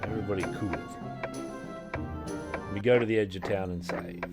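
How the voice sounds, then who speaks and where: A man's voice: lowish voice, fairly even intonation, fairly quick, loud music behind the voice. A man with an Australian accent chatting casually and rambling with jokes while live-streaming a game. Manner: rambling, joking, chatting with viewers.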